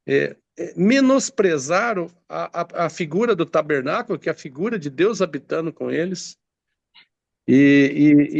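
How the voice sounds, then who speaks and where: A man's voice: a little high, vocal fry, no room sound, dull audio. A man preaching a sermon, reading scripture aloud and explaining it with many hesitant fillers and restarts.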